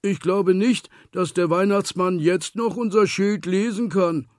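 A man's voice: sits high, fairly even intonation, unhurried, no room sound, clean studio sound, voice pushed up. A man voicing a timid, anxious little piglet that whimpers and frets in a storybook reading. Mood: fretful. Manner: whimpering, fretful.

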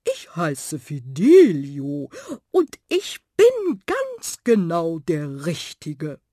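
A woman voicing a charming, gallant male tomcat who speaks slowly in a lower, drawling voice. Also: huge pitch swings, warm tone, no echo, studio quality, heavily acted.

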